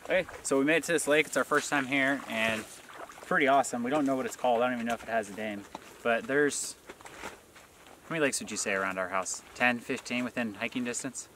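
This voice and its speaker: A man's voice: mid-range voice, fast. Man, thirties, casual outdoor vlog, filler-heavy and laid-back, distant camera mic, noisy outdoors. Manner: relaxed, loose, with many fillers. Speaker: vlogger. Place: outdoors in the woods by a lake. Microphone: camera mic, some distance away.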